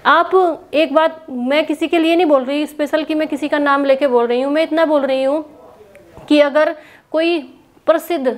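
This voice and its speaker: A woman with a high voice teaches an exam-prep class. She asks each question aloud, then answers and repeats it for her students to memorize. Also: steady tone, normal speed. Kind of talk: classroom lesson. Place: hot room without a fan, standing.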